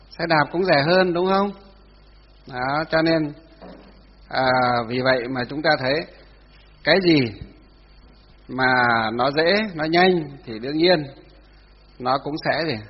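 A man teaching a class on Buddhist doctrine, dictating slowly, repeating each phrase for note-taking and asking his students questions. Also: on the high side, husky. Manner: asks students rhetorical questions. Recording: dull lo-fi sound with long hall reverb.

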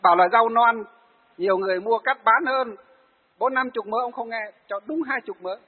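A Buddhist monk, giving a sermon to lay followers and telling stories of them in a lively way. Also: male voice, very high-pitched, normal speed, breathy edge. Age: 40s. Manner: storytelling, acts out the people he tells of. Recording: phone-like, hall reverb.

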